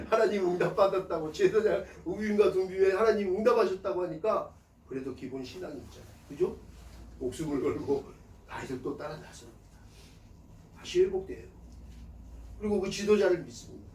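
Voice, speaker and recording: A male pastor preaching a sermon with call-and-response, swelling loud on key lines and dropping soft again. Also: high-pitched, roomy sound, recorded from a distance, rough recording. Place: church sanctuary.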